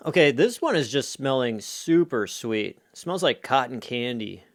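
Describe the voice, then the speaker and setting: A man's voice: mid-range voice, lively intonation, moderate pace. A man giving a casual food review in a rambling, conversational way, often dropping in filler phrases like "you know". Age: adult. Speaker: candy reviewer.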